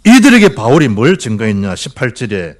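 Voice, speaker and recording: Male pastor in his middle years, preaching in church, hugely animated pitch, quizzing the flock. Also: brisk. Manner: animated preaching with rhetorical questions and swings from loud to hushed. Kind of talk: sermon. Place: church sanctuary.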